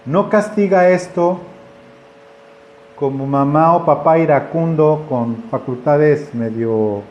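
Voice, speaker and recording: A man's voice: fairly high pitch, slow, a little mellow, muffled recording, slight background noise. A man preaching a conversational sermon, acting out the voices in his stories. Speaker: pastor. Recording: echoey room with faint ambience.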